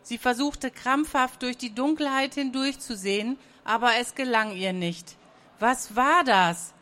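Calm woman reading a children's story. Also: on the high side, normal speed. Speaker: narrator. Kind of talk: scripted narration.

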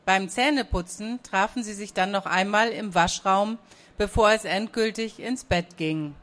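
A woman narrating a children's story in a calm, even, scripted reading. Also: medium pitch, unhurried.

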